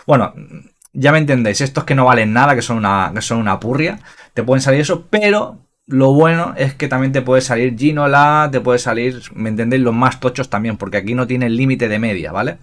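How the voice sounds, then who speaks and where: Gaming host, man, excitable and profane, rambling casual commentary. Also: medium pitch, fairly quick. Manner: excitable, swears freely, talks in bursts with many fillers. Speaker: gaming youtuber.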